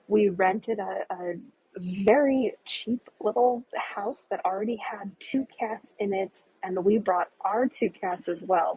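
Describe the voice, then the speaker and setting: A woman working as a tour guide, chatting enthusiastically with live viewers in a breathy voice that is sometimes kept soft. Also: mid-range voice, poor audio. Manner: speaks softly at times. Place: inside a large stone cathedral. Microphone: handheld phone without stabilizer.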